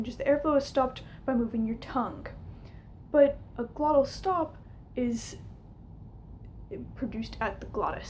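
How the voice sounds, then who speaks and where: High-voiced young woman teaching informally. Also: a little mellow, a little hiss or hum. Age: young adult. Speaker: linguistics teacher. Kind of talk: informal explanatory lesson to camera. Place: small room at home, indoors.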